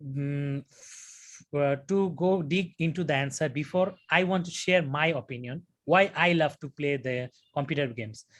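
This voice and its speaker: This young Bangladeshi man is answering questions in a mock speaking exam. His pitch is fairly high, and he speaks haltingly and hesitantly, with plenty of fillers and restarts.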